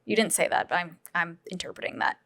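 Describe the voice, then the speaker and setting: A woman's voice: lowish voice, fairly even intonation, quick pace, a bit bright. A woman co-hosting a podcast, asking blunt and playful questions in casual chat. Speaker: podcast co-host.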